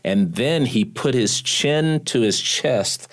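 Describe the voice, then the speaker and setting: A man's voice: mid-range voice, lively intonation, takes it slowly. A man telling a personal story in an interview, now and then quoting his father's words. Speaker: guest recalling his recruitment.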